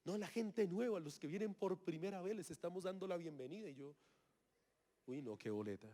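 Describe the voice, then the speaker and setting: A man's voice: sits high, lively intonation, a little fast, mellow, a little hiss or hum. A man, giving a sermon testimony and acting out his own past reactions as he tells the story. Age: 30s. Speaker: preacher.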